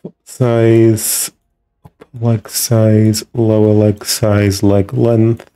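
A man streams a video game, musing and mumbling to himself as he tweaks settings. His voice is low, gravelly and unhurried, with faint music in the background. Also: level tone, warm tone. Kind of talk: casual gameplay commentary.

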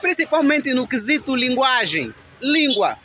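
A man's voice: very high-pitched, very animated, a little slow, bright, forceful tone, a little hiss or hum. A young Angolan man with an Angolan Portuguese accent, giving an impassioned, exhorting monologue, repeating his points. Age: young adult. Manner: preachy, repetitive, exhorting. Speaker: commentator.

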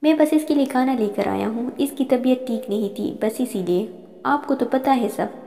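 A woman voicing a young male doctor who teases and gently coaxes. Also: fairly high pitch, moderate pace, lightly acted. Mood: defensive. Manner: teasing, gentle. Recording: long reverb.

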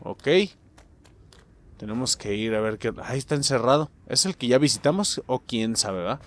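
A man with a Mexican accent commentating a video game as host, excitable and swearing, shouting at the game. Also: medium pitch, moderate pace, a little hiss or hum. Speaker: gaming channel host. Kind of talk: let's play commentary.

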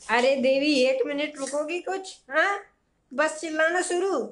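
A man's voice: very high voice, a little slow, fairly bright tone. A young man playing a stern, stingy father who nags and scolds his son in a comedy sketch. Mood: defensive. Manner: nagging, scolding.

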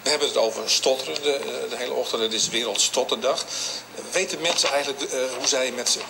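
Brisk fast-talking male radio interviewer. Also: mid-range voice, gravelly, noisy background. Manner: brisk, direct questioning. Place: café.

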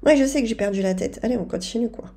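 A woman's voice: on the high side, quick pace, dark tone. A woman giving chatty, self-mocking commentary over her own gameplay and talking straight to her viewers. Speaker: gaming video creator.

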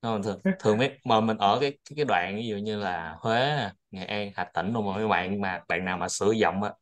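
Lowish voice guy hosting a study group chat, rambles, keeps repeating words. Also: brisk, fairly bright tone.

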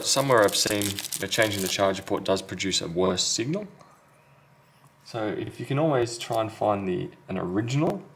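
A man's fairly low, fairly bright voice carries some vocal fry as he explains a repair step by step at an indoor workbench. He comes across as a technician, casual and matter-of-fact, with a little background noise in the recording.

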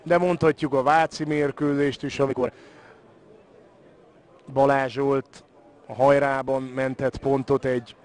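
A man's voice: mid-range voice, flat delivery, long pauses, darkish tone. A man giving live football commentary, moving between naming the play and analysing the match.

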